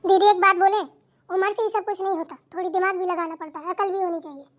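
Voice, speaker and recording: A woman voicing a young, educated daughter-in-law in a cartoon, nagging and preachy, quick to defend herself. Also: very high voice, fairly even intonation. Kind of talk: cartoon voice acting.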